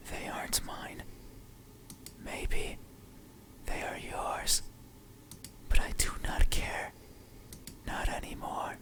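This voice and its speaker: For a horror ASMR game, a performer gives voice to a creepy, obsessive supernatural entity, speaking in a slow, deliberate, breathy whisper. The voice stays natural, and the tone is accusing.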